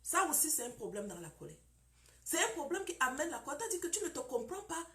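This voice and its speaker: A woman's voice: high voice, very animated, fast, fairly bright tone, reverberant. A woman preaching about marriage, emphatic and repetitive, firing off rhetorical questions.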